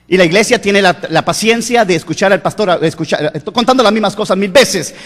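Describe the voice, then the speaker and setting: A middle-aged man preaching a sermon as pastor, swinging between fervent shouts and low, quiet asides. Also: quick pace. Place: church sanctuary. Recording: long church reverb.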